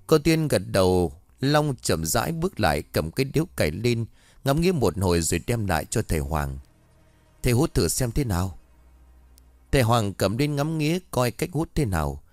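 A man reading a ghost story aloud in a lively, expressive way. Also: mid-range voice, brisk, dry recording.

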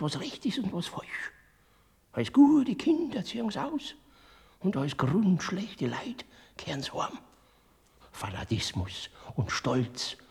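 A man playing a sly, eccentric Death who guides souls in a radio play, with a Bavarian accent, slipping between breathy whispers and shrill outbursts. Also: darkish tone, heavily acted. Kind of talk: German dialect radio play.

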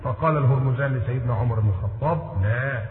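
A man's voice: mid-range voice, fast talker. A middle-aged man preaching with an Egyptian accent, telling a story and acting out the dialogue in shifting voices. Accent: Egyptian Arabic. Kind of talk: sermon storytelling. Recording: tinny lo-fi audio in echoey hall.

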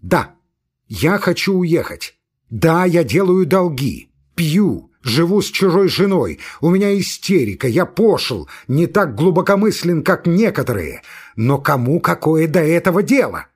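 A man reading aloud, voicing an agitated, hysterical young nobleman who shouts in breathless outbursts. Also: on the high side, big pitch swings, takes it slowly, husky, pitched above the performer's own voice, heavily acted.

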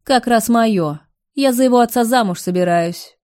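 A woman voicing a brash young mistress who scolds and snipes in a loud, spiteful way. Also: fairly high pitch, moderate pace, voice pushed up, close to an everyday voice.

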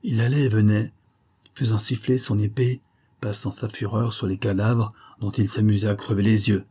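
A man narrating an adventure novel in a measured, dramatic reading. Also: fairly low pitch, steady tone, dark tone, slightly rough. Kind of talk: scripted audiobook narration.

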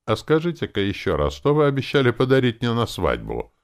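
A man's voice: lowish voice, sing-song, unhurried, voice pushed up. A man voicing a proud young woman who serves as a clan chronicler, in an audiobook reading. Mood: shrill.

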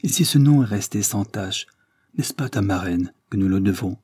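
A man's voice: fairly low pitch, expressive, normal speed, warm tone, slightly rough, no room sound, clean studio sound. A man voicing a grieving, stern aristocratic mother as he reads a classic novel aloud, solemn and pleading.

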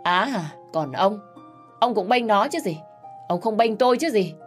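A woman's voice: lowish voice, lively intonation, normal speed, faint music behind, natural voice. A woman voicing a nagging, bitter middle-aged mother-in-law who scolds and accuses. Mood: shrill outrage.

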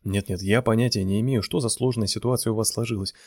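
A man's voice: on the low side, fairly even intonation, fast talker, a little mellow, no echo, studio quality. A male reader voicing a stubborn, exasperated painter who pleads and insists. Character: flustered stubborn male artist.

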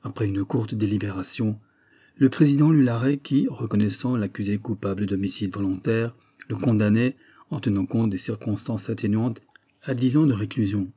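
A man reading a classic novel aloud in measured, even scripted narration. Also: on the low side, slightly rough. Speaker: audiobook reader.

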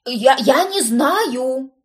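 A woman's voice: high-pitched, expressive, measured pace, voice pushed up. A woman voicing a half-trained young male sorcerer who begs and whines in panic. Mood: pleading whiny. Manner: whining, begging.

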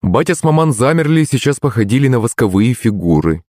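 A man's voice: mid-range voice, big pitch swings, fast, mellow, no room sound. A man narrating an audiobook in the first person, in a wry storytelling manner at a close mic.

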